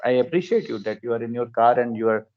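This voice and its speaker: A man's voice: medium pitch, lively intonation, fast talker. A man with an Indian accent talking casually as an online course instructor, advising and repeating his phrases. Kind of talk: casual online teaching talk. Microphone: online call. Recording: dull lo-fi online call audio.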